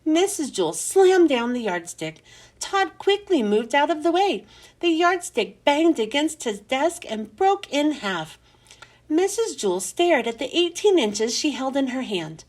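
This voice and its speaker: A woman reading a children's chapter book aloud with expressive, animated storytelling. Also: high-pitched, measured pace.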